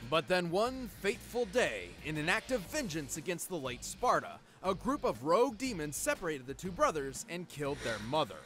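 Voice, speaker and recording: Man as earnest, high-voiced nerdy scientist narrator. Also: sing-song, moderate pace, few pauses, fairly bright tone. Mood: dramatic, explanatory. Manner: precise, explanatory. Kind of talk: scripted analytical narration. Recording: voice over background music.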